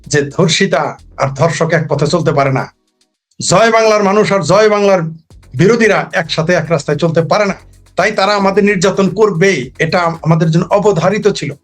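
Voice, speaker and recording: A man's voice: high voice, brisk, soft background music. A man giving an impassioned political talk, rhetorical and emphatic, repeating his points. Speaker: political commentator.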